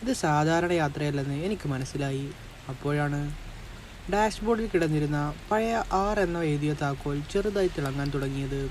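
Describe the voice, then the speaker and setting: A man narrating a first-person horror story in a slow, suspenseful, dramatic manner. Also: a little high, a little mellow, slight background noise, poor audio.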